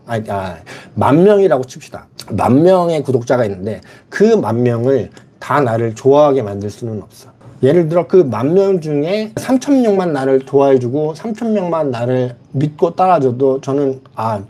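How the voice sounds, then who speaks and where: On his casual livestream, a middle-aged man from his home in the Philippines reads chat comments and responds bluntly and frankly. His tone is warm and his voice mid-range.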